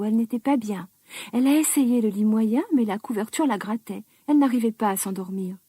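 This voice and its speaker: A woman narrating a children's story slowly and expressively. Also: fairly high pitch, breathy edge, no echo, clean studio sound. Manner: slow, expressive, lively.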